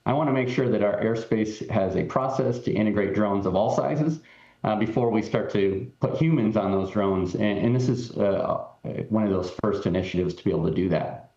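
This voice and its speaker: Speaking at a normal pace in a warm, lowish voice, a male tech CEO takes questions on TV via a remote link. His explanations are earnest, peppered with ums and false starts. The audio has the roomy, dull quality of a remote feed.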